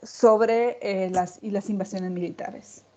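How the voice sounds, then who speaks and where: A woman's voice: mid-range voice, fairly even intonation, slow pace, a little mellow. A woman speaking off the cuff as a panelist, emphatic, building her points with repeated phrases. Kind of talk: unscripted public talk. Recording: dull, lo-fi audio.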